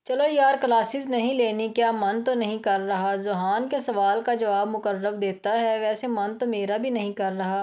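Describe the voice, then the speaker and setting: Female narrator with an Urdu-inflected accent, fairly high but mellow, steady novel-reading delivery. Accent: Urdu-inflected Hindustani.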